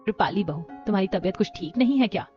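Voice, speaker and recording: A man voicing an older, caring mother-in-law in an animated story, gentle and concerned. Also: high-pitched, quick pace, pitched above the performer's own voice. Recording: dull lo-fi with music.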